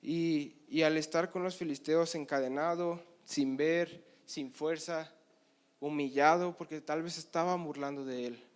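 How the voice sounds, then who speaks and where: A man's voice: a little high, fairly even intonation, unhurried, clear, resonant tone. A young man preaching a sermon at a conference, telling Bible stories with passion and acting out the dialogue. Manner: impassioned storytelling, acts out Bible dialogue. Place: conference hall.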